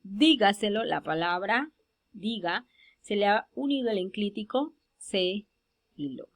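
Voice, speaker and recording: A woman explains grammar rules as a teacher. Her pitch sits in an ordinary middle range. She draws out key example words slowly and deliberately. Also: lively intonation. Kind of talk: spoken grammar lesson over slides.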